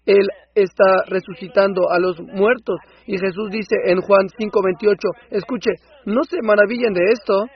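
Male preacher for a sermon dub: high, husky, impassioned, swells into loud outbursts, dull lo-fi sound. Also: steady tone, moderate pace, hardly any pauses. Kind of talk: Spanish voice-over of a sermon.

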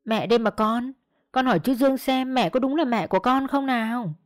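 Sly scheming woman, read out by a lady w sugary wheedling voice, a bit higher, dry sound. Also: normal speed, darkish tone, no room sound, lightly acted. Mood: coaxing. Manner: sweet-talking, wheedling.

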